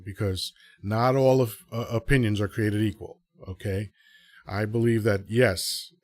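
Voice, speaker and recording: Pitched fairly low and recorded without echo, this podcast host from the Dominican Republic muses aloud before a live audience. He wanders, self-corrects, and stays earnest throughout his casual solo talk.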